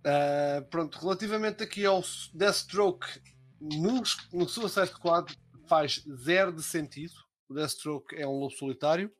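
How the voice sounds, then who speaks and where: A man's voice: on the high side, a little slow, soft background music. A young man with a European Portuguese accent chatting casually as a live stream co-host, slangy and full of swearing.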